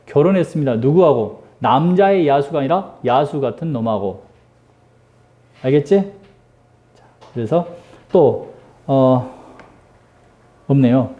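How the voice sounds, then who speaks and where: Lively joking male English teacher. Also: medium pitch, slow, pauses often, highs cut off. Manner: joking, teasing students, rhetorical questions. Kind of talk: lively classroom lecture.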